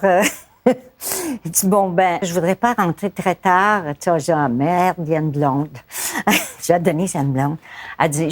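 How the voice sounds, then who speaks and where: An older woman with a Québécois accent recalls old times in a lively, anecdotal way. She tells her stories through back-and-forth dialogue. Her voice sits a little low. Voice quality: lively, quotes people in dialogue. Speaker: interviewee, former actress. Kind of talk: anecdotal storytelling.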